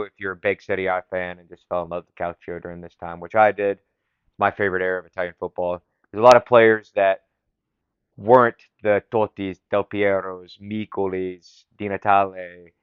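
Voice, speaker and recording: A man talks on his own podcast in a low, smooth, resonant voice, eager and rambling, with fillers and false starts. The sound is dry and a little dull, with no room echo. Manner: enthusiastic, rambling, frequent fillers and restarts. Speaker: podcast host. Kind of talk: casual solo podcast monologue.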